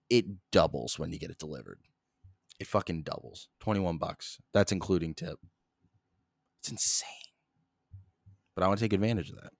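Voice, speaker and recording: A young man hosts a solo podcast close to the mic, his voice low-pitched and the sound free of echo. He rambles in a flat monotone, swears constantly, and hops from topic to topic.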